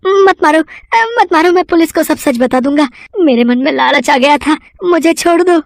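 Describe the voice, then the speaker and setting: A woman's voice: sits low, very animated, a little slow, no room sound, studio quality, exaggerated voice. A woman voicing a greedy, cowardly male thief in a cartoon story who squeals and pleads in panic. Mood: terrified.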